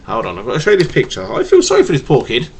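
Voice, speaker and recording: Racing through a children's picture book at bedtime, a father reads to his child with huge pitch swings in his mid-range voice. He stutters, stumbling and repeating words. The webcam recording at home carries slight background noise.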